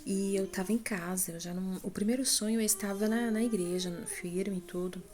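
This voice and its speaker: A woman's voice: mid-range voice, steady tone, fairly quick, darkish tone, soft background music. A Brazilian woman with a Brazilian Portuguese accent recounting a dream as a church testimony, talking casually and addressing her listeners as brothers. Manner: conversational, addresses listeners as brothers and folks, frequent tag questions. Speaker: church member giving a testimony.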